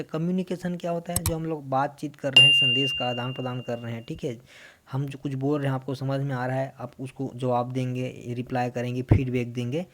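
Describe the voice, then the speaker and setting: Indian man teaching grammar, fairly high voice. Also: fairly bright tone. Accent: Indian English. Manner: explains in Hindi mixed with English, asks and answers his own questions; reads English example sentences slowly. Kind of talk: exam-prep grammar lesson.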